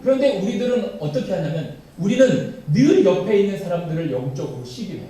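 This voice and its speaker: In a church sanctuary, a male pastor preaches a sermon, animatedly addressing his congregation in a high, sing-song, warm voice at a slightly fast pace. The very echoey hall makes him sound far off.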